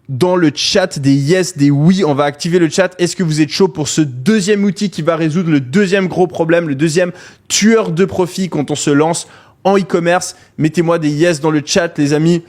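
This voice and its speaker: A man hosting a live online course, talking energetically to viewers in the chat, with frequent hesitations. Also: fairly high pitch. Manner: excited, calls out to viewers; many fillers and hesitations. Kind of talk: energetic live webinar pitch.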